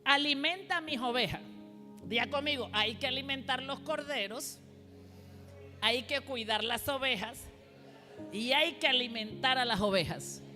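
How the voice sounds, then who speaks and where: An unhurried woman preacher, her voice high, bright and forceful, leads a call-and-response sermon where the congregation repeats after her. The setting is a church hall with a reverberant sound and faint music.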